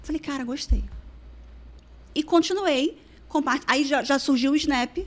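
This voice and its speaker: A woman's voice: sits high, measured pace. A woman, a weight-loss therapist telling stories as a podcast guest and acting out past conversations. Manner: animated, acts out dialogue from her past. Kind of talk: casual storytelling in a podcast interview.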